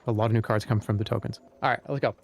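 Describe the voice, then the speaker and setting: A man's voice: fairly low pitch, steady tone, racing, gravelly. A man giving casual gameplay commentary as a streamer. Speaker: game streamer. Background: game music.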